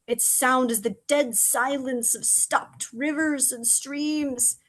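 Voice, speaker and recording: A woman's voice: high voice, fairly even intonation, slow, fairly bright tone, full character voice. A woman voicing a frightened, desperate crow who pleads and grows breathless. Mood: insistent. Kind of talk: audio drama reading.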